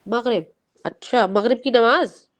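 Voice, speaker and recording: A woman teaching a group of children in Urdu with an English-mixed Pakistani accent, explaining gently and often checking with them. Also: fairly high pitch. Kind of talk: lesson for children.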